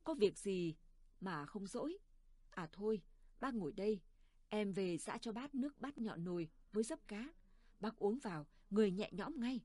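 A woman's voice: mid-range voice, lively intonation, normal speed, dark tone, no room sound, lightly acted. A woman voicing a chatty younger village neighbor who fusses over an older woman. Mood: worried, fussing.

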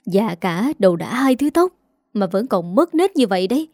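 A woman's voice: mid-range voice, sing-song, normal speed, a little mellow, no room sound, clean studio sound. A woman voicing an aging village mother who is tearful and bitterly complaining. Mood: indignant.

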